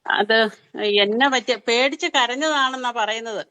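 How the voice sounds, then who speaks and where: Hesitant bright-voiced mother on a call. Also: fairly high pitch, clear, resonant tone. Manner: hesitant, halting, plain speech. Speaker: caller, mother giving a testimony. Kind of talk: testimony on a video call. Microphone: video call.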